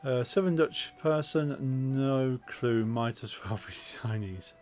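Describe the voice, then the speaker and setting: Clear-spoken Midlands English man. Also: mid-range voice, lively intonation, darkish tone, faint music behind. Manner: deliberately clear, precise diction. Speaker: game streamer. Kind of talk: casual chat while gaming.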